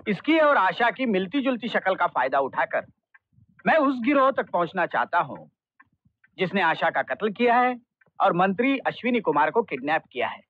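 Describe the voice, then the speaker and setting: An actor playing a firm, commanding investigating officer in an old Hindi film. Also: male voice, high voice. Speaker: CBI officer. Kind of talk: 1990s Hindi film acting. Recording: dull old film soundtrack.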